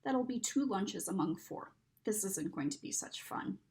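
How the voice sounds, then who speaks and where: A woman voicing a confident, sensible elder schoolboy in a storybook, with brisk old-fashioned phrasing. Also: mid-range voice, lively intonation, darkish tone. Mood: practical.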